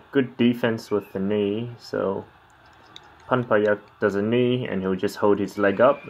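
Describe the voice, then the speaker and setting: Slow-paced, low-voiced man commentating a fight. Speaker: fight commentary video creator. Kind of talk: casual reaction commentary on a Muay Thai fight. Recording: clear background noise of fight footage.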